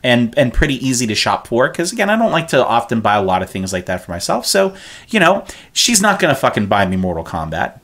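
Forties male podcast co-host, rambling casual storyteller, swinging pitch. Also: a bit bright. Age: 40s. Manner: rambling, hesitant, many restarts. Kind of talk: casual chat.

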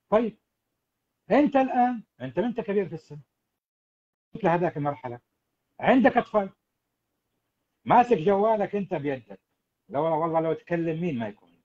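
A man's voice: on the high side, dull audio. A man giving a live parenting talk, preachy and emphatic, speaking straight to his listeners. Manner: animated, preachy, emphatic, addresses listeners directly. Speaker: parenting coach.

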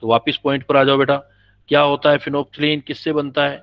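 A man's voice: a little high, monotone, moderate pace. A man teaching a chemistry class, patiently explaining and quizzing his students. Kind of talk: classroom lecture. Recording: dull lo-fi recording.

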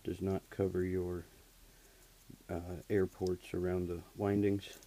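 With a low, mellow voice and little pitch movement, an HVAC technician speaks slowly, plainly explaining a hands-on repair step by step with many fillers. The poor audio, marked by a little hiss or hum, comes from a camera he holds while working in the basement furnace area and workshop.

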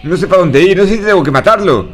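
A man's voice: high-pitched, animated, fast talker, faint music behind. A man with a Spain Spanish accent giving live commentary while playing a horror game, talking to himself, jumpy and swearing often. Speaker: gaming streamer.

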